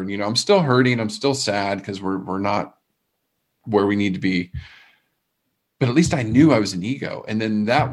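A man co-hosting a casual relationship podcast, talking earnestly and openly about his feelings, rambling a little. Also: fairly low pitch. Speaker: podcast co-host. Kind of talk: casual reflective chat. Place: remote call from abroad.

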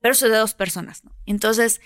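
A woman with a Mexican accent, a podcast guest telling a personal story in casual, animated chat. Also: on the high side, a little fast, dry recording, clean studio sound.

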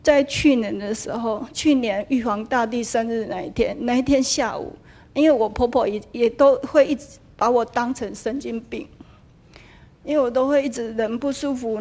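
Giving personal testimony in a dharma hall, a Taiwanese-accented woman in her thirties or forties tells her story to a spiritual teacher and switches to Taiwanese Hokkien for quoted speech. Her fairly high voice is a little mellow, with fairly even intonation and a moderate pace.

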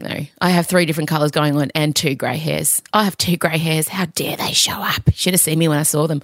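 A woman's voice: low voice, vocal fry, no room sound, clean studio sound. A middle-aged woman with an Australian accent hosting a podcast, telling comic personal stories with theatrical, mock-outraged exaggeration. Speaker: podcast host. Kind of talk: comic personal monologue to listeners.

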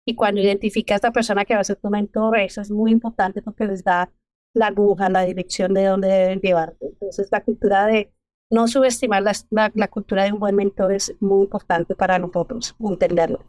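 A woman's voice: mid-range voice, steady tone, a little mellow, no room sound. Earnest Colombian woman, dry sound. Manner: earnest, measured advice-giving. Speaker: medical geneticist, podcast guest. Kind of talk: interview answers.

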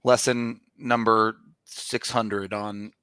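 Man, podcast host, bright punchy voice, casual sports talk, dry close recording. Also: on the low side, flat delivery, takes it slowly, clear, resonant tone, no room sound.

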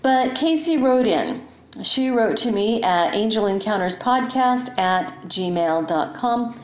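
A middle-aged woman chats as a podcast host, her voice bouncing off the hard walls of an echoey bathroom. She talks in a loose, rambling way at an ordinary pitch, and the room's reflections hang around every word. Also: expressive, takes it slowly. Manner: chatty, rambling and warm. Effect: echoey bathroom sound. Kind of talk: casual chat. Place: master bathroom at her parents' house.

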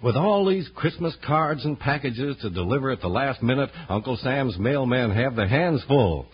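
Lively folksy announcer, man, husky voice, dull radio. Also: medium pitch, normal speed. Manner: chummy, folksy. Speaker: announcer and narrator. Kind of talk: 1950s kids' radio announcing and narration. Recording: dull old radio recording.

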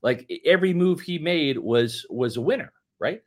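On a late-night sports podcast, a co-host in his fifties riffs through an ad reading in his own words, playful and emphatic. His voice is a little high and expressive, and his speed is normal.

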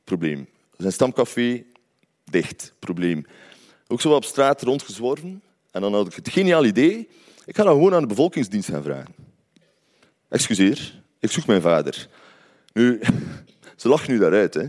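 A man's voice: mid-range voice, sing-song, moderate pace, darkish tone. A man with a Flemish accent, from Belgium, telling a personal story in a chatty way, often tagging on little questions. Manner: conversational, often adds tag questions.

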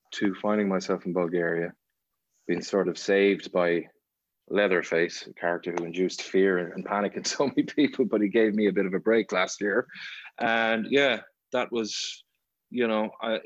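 A man with an Irish accent, an actor talking in a relaxed podcast interview, rambling with many restarts and fillers. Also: deep voice, no echo, highs cut off. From Ireland. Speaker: actor guest.

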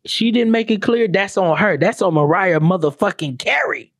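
A young adult man ranting comedically to camera, profane and animated, breaking into mock-sung lyrics. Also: sits high, moderate pace, dry recording, clean studio sound. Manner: animated, profane, sings song lyrics mockingly. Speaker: commentator.

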